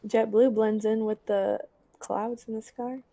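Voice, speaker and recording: A woman with a gravelly, creaky voice at a middling pitch talks in a casual chat with friends. Her delivery is matter-of-fact and dry, and her voice sits close and dry on the mic. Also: steady tone, measured pace, mellow, no echo. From United States.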